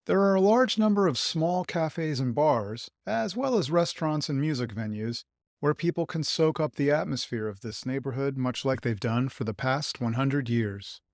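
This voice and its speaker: A man narrating an English lesson in a clear, measured, explanatory way. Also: mid-range voice, dry recording, clean studio sound. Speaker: podcast host teaching English.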